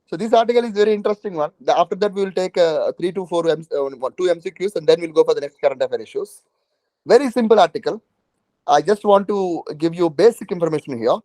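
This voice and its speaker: A man's voice: fairly high pitch, expressive, quick pace, mellow, no room sound, poor audio. A man with a South Indian accent teaching an informal online class, often repeating phrases and checking that students follow. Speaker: teacher of a current affairs exam class.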